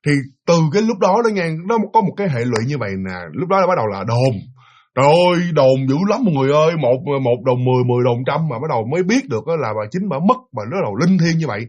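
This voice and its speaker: A man's voice: on the high side, lively intonation, quick pace, darkish tone. A man with a Southern Vietnamese accent casually telling a ghost story, chatty and addressing his listeners directly.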